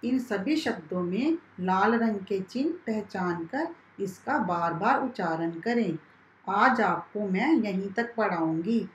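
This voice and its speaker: Slow, careful woman teacher in an echoey room. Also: medium pitch, expressive, lo-fi sound. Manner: slow, carefully spelled-out classroom instruction. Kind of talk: primary school lesson.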